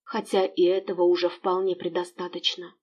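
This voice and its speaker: A woman reading the part of a caring young gentlewoman who fusses and scolds her coachman. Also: mid-range voice, moderate pace, husky, natural voice. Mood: scolding. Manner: emotional, bossy toward servant.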